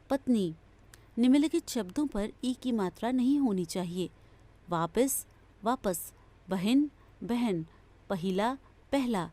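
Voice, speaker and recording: Woman teacher narrator for a kids' lesson, mellow tone, measured scripted delivery. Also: a little high. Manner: measured, reads out word pairs one by one.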